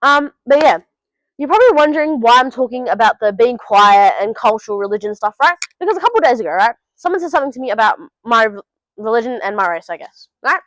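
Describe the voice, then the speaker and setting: With an expressive, quick delivery, a teenage Australian vlogger gives blunt, swear-filled advice directly to camera from home. Her voice is a little high and a bit bright. The audio is poor, though free of room sound.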